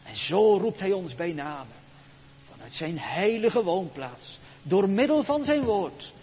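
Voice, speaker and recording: A male pastor delivers a slow, emphatic sermon in a church. His high voice swings widely in pitch. The sound is dull, with a long reverb and a faint hum. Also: very animated, breathy edge. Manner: emphatic, rhetorical, with dramatic pauses.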